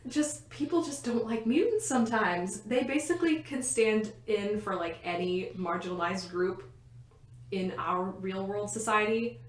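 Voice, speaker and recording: A woman's voice: medium pitch, expressive, measured pace. A young woman co-hosting a casual podcast from a bedroom, rambling and laughing often mid-sentence. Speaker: podcast co-host. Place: a bedroom at home. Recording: roomy bedroom echo.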